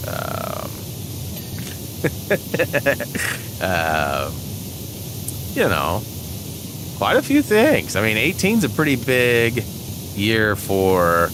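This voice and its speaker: A man's voice: on the low side, huge pitch swings, very slow, long pauses, noisy background. A man in his forties chatting casually over gameplay as a channel host, rambling with many fillers and frequent chuckles. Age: 40s.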